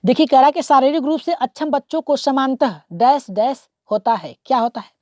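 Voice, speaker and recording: A woman's voice: high voice, animated, brisk, warm tone, dry recording. A woman teaching an online exam-prep lesson, working through multiple-choice questions. She keeps asking rhetorical questions, repeats "okay" often and urges viewers to comment and subscribe.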